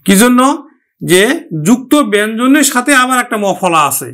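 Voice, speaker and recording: High-voiced man teaching pronunciation. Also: expressive, fairly bright tone. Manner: explains slowly, repeats example words. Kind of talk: pronunciation lesson.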